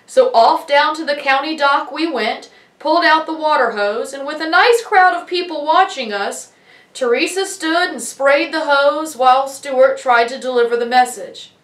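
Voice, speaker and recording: High-voiced woman narrating, echoey and distant. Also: moderate pace. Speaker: video narrator. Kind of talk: scripted voice-over narration.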